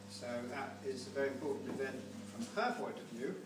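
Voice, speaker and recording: Rambling older man speaking in an echoey room. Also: mid-range voice. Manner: rambling, digressive, halting. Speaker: family member giving a speech at a memorial gathering. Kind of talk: informal, unscripted eulogy speech. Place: large echoey room with a gathering. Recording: roomy, distant recording with background noise.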